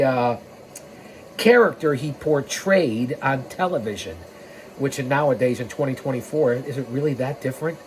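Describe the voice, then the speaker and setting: Breaking off from reading aloud, a podcast host in his sixties from America launches into emphatic, rambling commentary, wandering off on sidetracks and appealing straight to people. His voice is on the high side. It's a rough recording with slight background noise.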